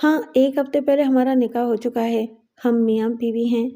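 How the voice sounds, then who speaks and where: A woman's voice: on the high side, level tone, creaky, mellow. A woman voicing a remorseful young runaway daughter, tearful and defensive on a phone call.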